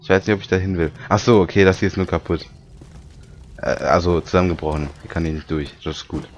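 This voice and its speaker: A man commenting on a horror game, joking and reading the English on-screen text aloud haltingly. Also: deep voice, steady tone, dull audio, slight background noise. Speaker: let's play commentator. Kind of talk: casual gaming commentary.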